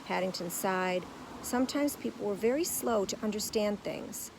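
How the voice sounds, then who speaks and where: A woman narrating a storybook aloud in a lively, expressive way. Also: medium pitch, normal speed, gravelly, background noise.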